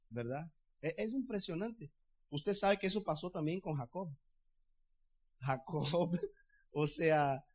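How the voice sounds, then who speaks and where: A man preaching a sermon in a fervent, loose, conversational way, often asking his listeners to agree. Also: fairly high pitch. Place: church in the United States.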